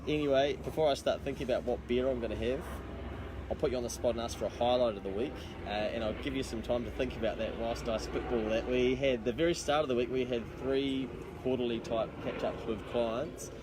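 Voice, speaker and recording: Brisk and medium-pitched with fairly even intonation, this New Zealand-accented man co-hosts a live social video as an accountant. He's chatting casually to camera in a slangy, matey style. The background is noisy.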